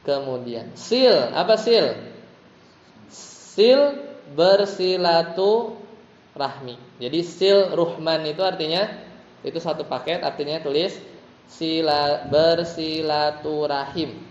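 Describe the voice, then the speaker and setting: A man's voice: fairly high pitch, slow. A man with an Indonesian accent teaching a tajwid class, patiently explaining each letter and chanting verses for students to repeat. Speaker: Quran recitation teacher. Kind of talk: tajwid lesson with call-and-response chanting. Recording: dull, roomy hall recording.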